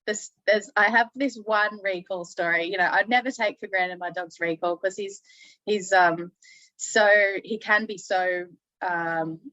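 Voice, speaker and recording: A woman's voice: medium pitch, fairly even intonation, a little slow, pushed and bright, no echo, low-quality recording. A woman hosting a casual chat, telling stories in a chatty way and laughing often. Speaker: podcast host.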